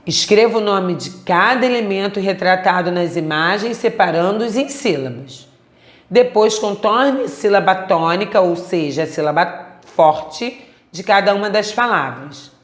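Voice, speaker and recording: A woman teacher with a Brazilian Portuguese accent giving a recorded class, speaking slowly and stretching out words to show their syllables. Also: medium pitch. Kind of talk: recorded remote class lesson. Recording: echoey room.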